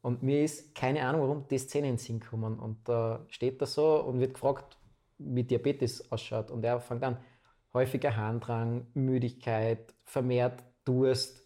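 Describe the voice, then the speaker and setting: Mellow-voiced Austrian man in his twenties. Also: medium pitch, moderate pace. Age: 20s. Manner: chatty, relaxed anecdotal storytelling. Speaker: guest. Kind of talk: casual storytelling interview.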